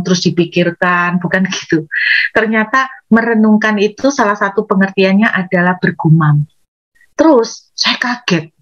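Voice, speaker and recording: A woman from Indonesia preaches an animated sermon, talking straight to her listeners and leaping into acted outbursts. The recording is dull and lo-fi. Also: medium pitch. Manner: animated, addresses congregation directly, acts out angry outbursts.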